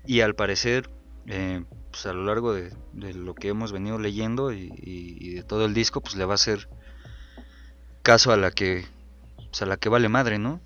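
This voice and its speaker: A man co-hosting a podcast, talking in a relaxed, reflective way with frequent fillers. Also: on the low side, normal speed, soft background music. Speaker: podcast co-host. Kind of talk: casual chat about song lyrics. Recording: dull lo-fi sound.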